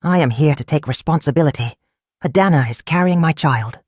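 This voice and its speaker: A storyteller voicing a calm, honorable wealthy young man in a folktale, speaking plainly and evenly. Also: mid-range voice, dry recording, clean studio sound, close to an everyday voice. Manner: calm, plain, measured speech. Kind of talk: storybook narration.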